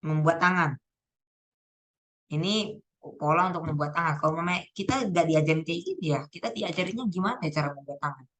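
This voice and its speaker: A woman's voice: fairly low pitch, fairly quick, poor audio. A teenage girl casually going over exam answers, thinking aloud and often correcting herself. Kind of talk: casual spoken exam walkthrough.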